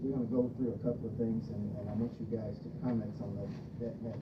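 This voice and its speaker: A middle-aged woman talks fast in a steady tone while hosting a radio show, leading a group discussion on marriage. She reads from a handout and laughs between points, captured in a distant, muffled recording with rumble.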